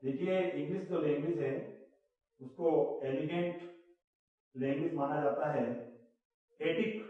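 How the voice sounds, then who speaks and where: Male teacher lecturing, slightly high voice, sounds far from a lo-fi mic. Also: a little slow, pauses often. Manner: explains step by step, repeats example sounds aloud. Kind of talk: classroom lecture on English phonetics. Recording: echoey room, voice from far off, dull lo-fi sound.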